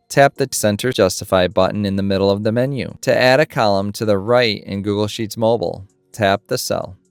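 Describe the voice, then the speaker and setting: A man's voice: fairly low pitch, clear, resonant tone, dry recording. A man giving scripted tutorial narration, reading instructions as short, clipped steps. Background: music.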